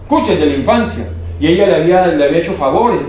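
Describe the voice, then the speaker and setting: A man's voice: a little high, animated, quick pace, darkish tone, dull audio. A man preaching to his congregation as a prophet, telling stories and often checking in with the crowd. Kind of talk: sermon with testimony. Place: church hall with a live congregation. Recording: very echoey hall, faint background hiss.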